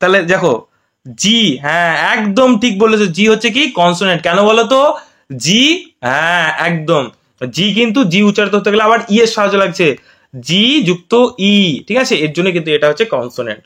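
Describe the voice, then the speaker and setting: A man's voice: high voice, animated, brisk, fairly bright tone. A man teaching a mock primary class, asking the students questions and having them repeat sounds aloud. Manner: asks the class questions and drills pronunciation. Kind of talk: mock classroom demo lesson.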